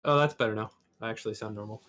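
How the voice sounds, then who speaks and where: A man on a voice call with the stream host, chatting in a relaxed, joking way, his voice played through a speaker and picked up again by a mic. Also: on the low side, very fast, slight background noise, rough recording. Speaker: co-caster. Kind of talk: casual chat over a voice call. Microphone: voice call played through a speaker back into a mic.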